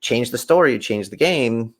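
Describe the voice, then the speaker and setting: A kung fu teacher appearing as a podcast guest tells stories animatedly at a normal speed, acting out quoted voices with big pitch swings. He is expressive throughout the conversation.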